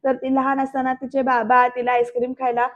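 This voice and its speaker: High flat-voiced woman recapping a serial. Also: narrow, tinny audio. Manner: retells scenes briskly, addresses viewers directly. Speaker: serial review narrator. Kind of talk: voice-over episode recap. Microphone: voice-over recorded separately.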